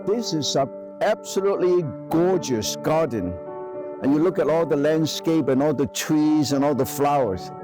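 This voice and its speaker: A man's voice: on the high side, moderate pace, music in the background. An older man from Guangzhou with a Cantonese accent, presenting a documentary to camera in enthusiastic, emphatic English with broken phrasing. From Guangzhou, China. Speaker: chef and presenter.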